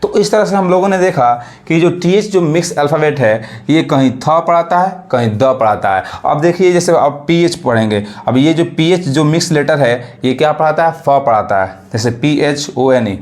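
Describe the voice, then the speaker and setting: A man teaching a pronunciation lesson to viewers, drawing words out slowly and asking if they follow. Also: on the high side, lively intonation, darkish tone. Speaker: English teacher. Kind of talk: classroom lesson.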